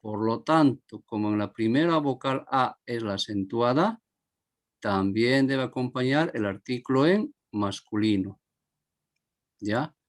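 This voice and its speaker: A man's voice: mid-range voice, measured pace. A man teaching a grammar lesson to a class, repeating each example word and asking if everyone understood.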